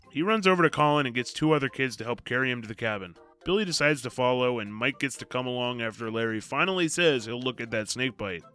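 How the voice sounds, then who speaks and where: A video host who summarizes books narrates in a mid-range voice with a sharp tone. His storytelling is scripted, wry and jokey, sprinkled with sarcastic asides.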